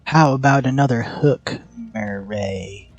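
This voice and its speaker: A man streaming a horror game live, chatting with viewers and reacting loudly to the match. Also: mid-range voice, slow, soft background music. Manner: chatty, reacts loudly and reads chat aloud. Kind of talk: live gameplay commentary.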